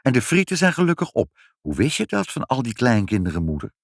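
A man's voice: mid-range voice, wildly swooping pitch, fairly quick, gravelly, no echo, clean studio sound, exaggerated voice. A man voicing a curious young girl in a storybook reading. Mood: relieved. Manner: bright, questioning.

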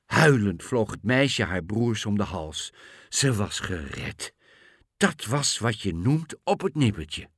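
Lively, bright male storyteller. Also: on the low side, slow, slightly rough, no room sound, clean studio sound. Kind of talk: reading a fairy tale aloud.

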